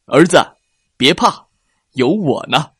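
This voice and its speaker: A woman's voice: sits low, expressive, slow, breathy edge, dry recording, studio quality, voice pushed up, full character voice. A woman voicing a protective father bear in a children's storybook reading. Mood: reassuring.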